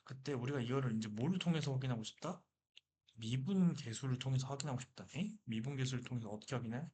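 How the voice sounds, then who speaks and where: A man's voice: mid-range voice, a little hiss or hum. A man teaching a math lecture who keeps asking questions and answering them himself. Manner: lively, asks and answers his own questions.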